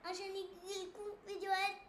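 A shrill, flat, monotone robot, as a young man puts it on. The tone is very high and bright, with barely any rise or fall. A faint noise sits behind it. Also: quick pace. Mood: flat robotic. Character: flat-voiced male robot. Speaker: gaming friend. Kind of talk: playful robot act on a gaming video.

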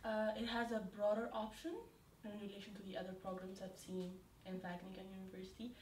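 A young woman from Ethiopia, a master's student, answering interview questions in a measured, plain way. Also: mid-range voice, completely flat delivery. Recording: roomy, from a distance, faint hiss.

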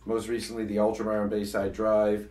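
Rambling man, deep, echoey room. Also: completely flat delivery, fairly quick, darkish tone, recorded from a distance. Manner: rambling, restarts sentences often. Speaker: co-host of a comedy web series. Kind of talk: casual chat. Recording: echoey room, voice a bit off-mic.

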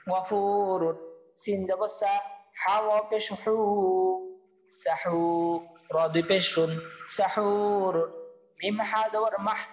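A man with a high voice teaches Quran reading online and walks his students through each word letter by letter in a steady, drilled cadence. The sound is dull and lo-fi, like a muffled online class. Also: gravelly. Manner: spells letters and vowels slowly in a drilled, repetitive chant. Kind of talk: online tajweed lesson.

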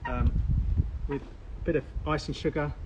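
A man's voice: a little high, level tone, moderate pace. Man, live cooking host, chatty, outdoors by the grill, noisy open-air sound. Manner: chatty, talks while eating, laughs often. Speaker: cooking demonstrator.

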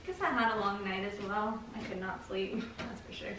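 A woman's voice: mid-range voice, moderate pace, echoey room. A young woman vlogging at home who talks casually and teases playfully, with faint noise behind her. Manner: playful, teasing, evasive. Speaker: vlogger pranking her husband. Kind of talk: casual vlog talk, then hushed whispering. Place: indoors at home.

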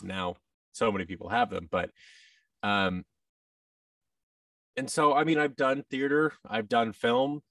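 Here the voice sits mid-range, a little slow with frequent pauses, fairly even in intonation and a bit bright. The sound is clean studio quality with no room sound, yet distant. An American man in his thirties, an actor and audio drama producer, rambles self-deprecatingly as a casual interview guest from a large office, via boom-arm mic, headset, and video call.

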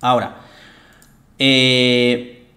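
A man's voice: mid-range voice, completely flat delivery, very slow, bright, forceful tone. A young man, a game coach who breaks down a match in casual commentary, blunt, emphatic and full of profanity.

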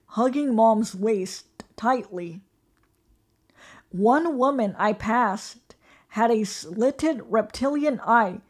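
A woman narrating a scripted horror story in a slow, measured, ominous delivery. Her voice sits fairly high, and she takes her time over every phrase. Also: a little mellow.

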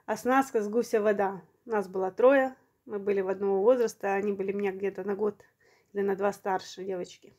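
A woman around fifty from Ukraine, telling a long personal story in a vlog, unhurried and matter-of-fact, slightly short of breath. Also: medium pitch, steady tone, darkish tone. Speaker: vlogger.

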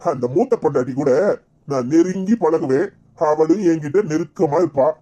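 A man's voice: fairly high pitch, moderate pace, dark tone, lightly acted. A man playing a scheming young village man, sly and boastful, in a Kanyakumari Tamil accent. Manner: sly, cocky, persuasive.

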